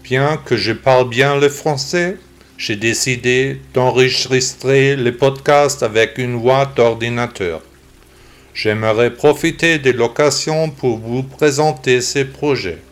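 A man's voice: medium pitch, slow. A male text-to-speech computer voice reading the scripted intro and outro of a podcast as its host. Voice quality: even, machine-made delivery. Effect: synthetic computer voice, text-to-speech.

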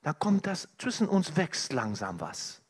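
Lively, high-pitched male preacher. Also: a little slow, slightly rough. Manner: earnest, with frequent restarts and direct address to the congregation. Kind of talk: sermon. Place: church service.

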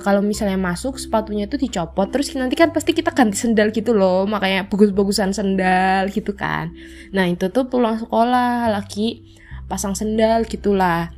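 A young woman hosts a podcast, telling childhood stories in a chatty way full of fillers and acting out old quotes. Her voice is medium-pitched with a darkish tone.

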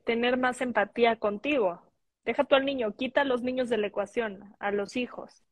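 A woman's voice: fairly high pitch, steady tone, moderate pace. A woman host agreeing with her guest and adding short follow-up thoughts in an interview. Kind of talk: interview conversation.

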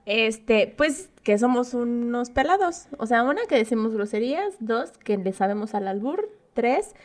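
A woman's voice: on the high side, expressive, unhurried. A young woman from the Mexico City area with a Mexico City accent, chatting casually and joking as a co-host. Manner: playful, jokey. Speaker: podcast co-host. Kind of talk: casual chat.

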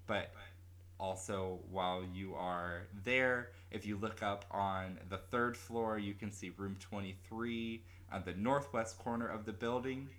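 A man co-hosting a casual podcast, retelling a ghost story haltingly with many ums and self-corrections. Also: on the low side, fairly bright tone. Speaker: podcast co-host.

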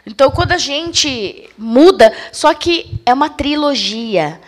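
A woman giving an animated live talk on communication, acting out examples as she goes. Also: high-pitched, slow. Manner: animated, acts out examples in put-on voices. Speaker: guest speaker on communication. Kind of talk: lively live-stream talk.

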